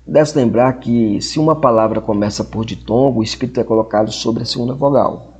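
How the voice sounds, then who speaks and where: A man with a Brazilian Portuguese accent teaching a recorded lesson, slowly repeating example words and checking in with frequent tag questions. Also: mid-range voice, a little mellow, slight background noise. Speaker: Greek language teacher. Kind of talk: recorded classroom lecture.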